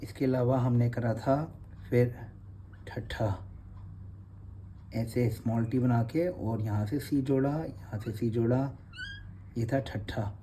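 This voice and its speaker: A man's voice: medium pitch, fairly even intonation, unhurried, dark tone, a little hiss or hum. A man, teaching Gurmukhi letters in a revision class and patiently repeating each sound.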